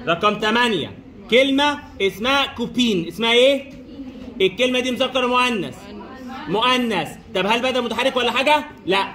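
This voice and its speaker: High-voiced Egyptian teacher drilling a class. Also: male voice, fairly quick, bright, forceful tone. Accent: Egyptian Arabic. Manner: repeats each question and answer, quizzing students. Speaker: French teacher. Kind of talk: classroom lesson drilling answers. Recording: echoey room.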